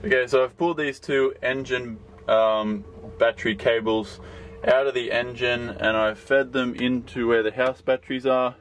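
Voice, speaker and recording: A man's voice: medium pitch, moderate pace, slight background noise. A man chatting casually on a sailing vlog, explaining what he is doing as he works. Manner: relaxed, chatty, explains while working. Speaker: sailing vlogger.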